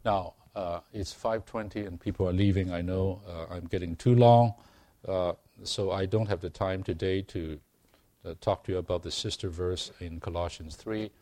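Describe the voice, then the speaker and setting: A man preaching a sermon to a congregation, earnest and unhurried, growing emphatic as he reads and explains scripture. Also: sits low, steady tone, dark tone, no echo. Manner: slow, earnest, calls for amens, rising to emphatic preaching.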